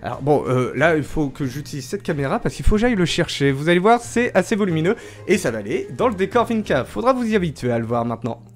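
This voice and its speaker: A man's voice: a little high, very animated, quick pace, soft background music. A young man chatting casually in a vlog from his home studio, full of fillers and self-mocking laughs. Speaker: YouTuber showing his Christmas gifts.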